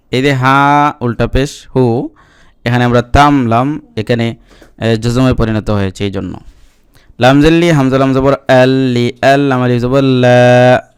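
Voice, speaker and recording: A man teaching Quran reading, chanting verses slowly and then explaining the rules in quick Bengali. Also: mid-range voice, clean tone. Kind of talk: spelling-out lesson with recitation.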